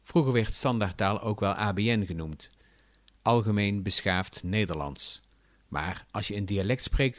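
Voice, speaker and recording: A man from the south of the Netherlands with a southern Dutch accent, giving a clear, deliberate scripted lesson. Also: lowish voice, dry recording, studio quality. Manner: clear, deliberate explanatory delivery with lively intonation. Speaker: language teacher. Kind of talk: scripted educational narration.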